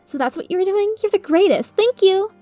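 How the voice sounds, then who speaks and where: An excitable female storybook pony as a woman acts her out, pitched very high. She speaks in earnest exclamations, with music behind. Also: a little fast, no room sound. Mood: gushing. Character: excitable female pony, Lyra, gushing and indignant. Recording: music under the voice.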